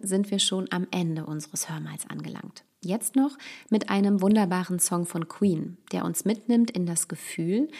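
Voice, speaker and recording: A woman's voice: fairly low pitch, creaky, mellow. Thoughtful woman hosting a podcast. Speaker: podcast host. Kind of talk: reflective podcast talk.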